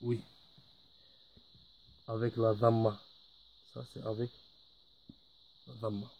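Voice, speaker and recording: Man, teacher, patient, repetitive, slow, mellow voice. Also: on the low side, flat delivery, vocal fry, slight background noise. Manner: patient, repeats words. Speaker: Arabic teacher. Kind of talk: slow spoken lesson.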